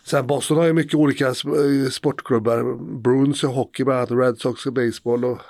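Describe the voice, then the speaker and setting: A man's voice: medium pitch, fairly even intonation, a little mellow, no room sound, clean studio sound. Swedish man hosting a casual podcast chat. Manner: hesitant, many fillers and restarts. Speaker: podcast host.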